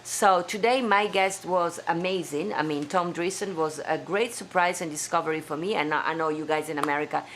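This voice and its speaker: An Italian woman with an Italian accent signs off a live stream from home as its host, effusive and chatty, with small slips in her English. Her voice is low-pitched and a bit bright, a little fast with few pauses, over slight background noise.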